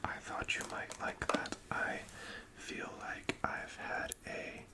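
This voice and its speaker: A whispered role-play in a breathy, unvoiced whisper, as a gentle, attentive shop assistant encouraging a customer. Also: takes it slowly. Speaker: ASMR performer playing a card shop assistant.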